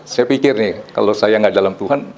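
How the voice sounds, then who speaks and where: Animated preaching man, slang. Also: on the low side, a little fast, crowd noise. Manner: animated storytelling preaching with casual Jakarta slang. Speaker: pastor. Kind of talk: sermon.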